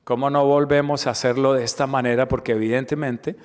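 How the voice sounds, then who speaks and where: A man's voice: mid-range voice, flat delivery, brisk, clean tone. A man from the Dominican Republic giving a corporate training webinar, emphatic and fond of rhetorical questions and repeated key words. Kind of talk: webinar lecture.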